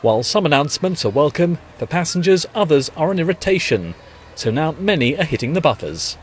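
A man's voice: a little high, very animated, brisk, soft background music. A man narrating a scripted news report as a reporter, with a wry delivery.

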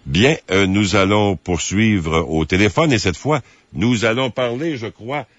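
A late-night radio host with a very low voice, talking slowly and carefully, often pausing on fillers. The sound is dry and muffled, like broadcast audio. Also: male voice, dry recording. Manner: measured, hesitant with many fillers. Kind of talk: phone-in radio talk.

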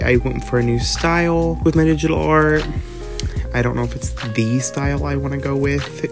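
A man's voice: mid-range voice, creaky. A teenage boy with a stuffy, congested nose, rambling in a casual, self-mocking voiceover from his bed. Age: teens. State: nasal congestion. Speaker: art vlogger. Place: bedroom, sitting in bed. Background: background music.

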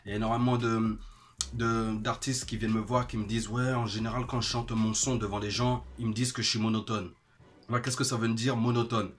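French guy doing a rap flow tutorial, lively and explainy, mid-pitch voice, scats rhythms to show it. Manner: energetic, explanatory, demonstrates rhythms by scatting syllables. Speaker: music coach for independent artists. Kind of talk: spoken video tutorial.

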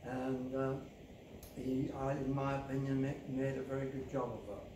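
Older farmer, distant outdoors. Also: male voice, mid-range voice, little pitch movement. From England. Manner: plain-spoken, unhurried, halting with fillers. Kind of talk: outdoor interview walk. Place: outdoors on farmland. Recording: roomy, distant with loud outdoor noise.

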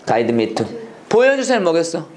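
Lively korean english teacher drilling a class. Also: mid-range voice, measured pace, crowd noise. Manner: lively drilling, repeats phrases, prompts class to echo. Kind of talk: classroom lesson, call and response drills. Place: classroom with students.

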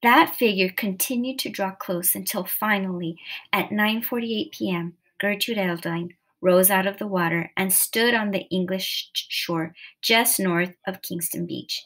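A woman reads a nonfiction story aloud at a measured pace, her medium-pitched voice slightly bright. She keeps a steady delivery, though she slips now and then and corrects herself.

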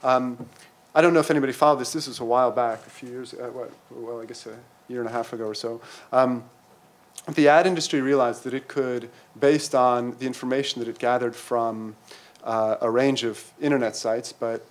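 A middle-aged man speaking at a conference panel, halting and full of fillers and restarts, into a table microphone in a lecture hall. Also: mid-range voice, steady tone. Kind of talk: academic conference talk. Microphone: table mic on stand.

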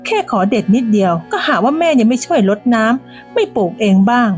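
This is a bossy old village woman in her seventies or so, played by a woman reading the story. She speaks in a high, shrill, dismissive voice with a sly, teasing edge. Faint music plays beneath the storybook telling. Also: lively intonation, brisk, darkish tone, natural voice. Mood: whiny.

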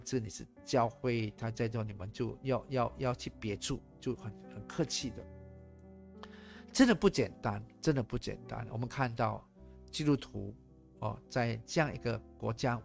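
Male pastor, gravelly tone, preaching with faint music behind. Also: medium pitch. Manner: animated, mixes in English phrases, rhetorical questions. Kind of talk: sermon.

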